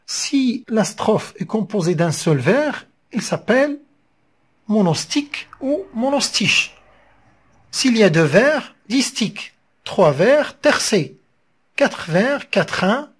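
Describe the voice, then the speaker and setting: Teacher, unhurried and breathy, explains verse patiently as a lesson voice-over. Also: mid-range voice, big pitch swings. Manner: spells out syllables one by one, dictating pace. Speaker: French literature teacher. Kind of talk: slow step-by-step lesson on verse.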